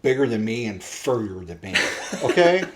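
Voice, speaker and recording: A middle-aged man, telling folksy stories as a podcast guest, unhurried and full of fillers. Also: medium pitch, sing-song, background noise. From Lebanon, Missouri. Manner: folksy, drawn-out storytelling with fillers. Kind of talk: casual storytelling. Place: podcast studio.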